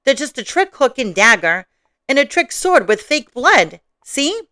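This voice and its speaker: A loud, hammy father bear from a picture book, all bluster and mischief, as a woman puts him on. The voice sits higher than her own, bright and crisp. It is recorded close and dry. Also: big pitch swings, measured pace, no echo, exaggerated voice. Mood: reassuring. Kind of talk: storybook read-aloud voice.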